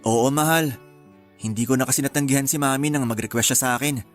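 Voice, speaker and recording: An actor with a mid-range, natural voice and quick pace plays a young husband and father in a radio drama. His easygoing character is mild and reassuring and calls his wife "mahal." Faint music plays underneath.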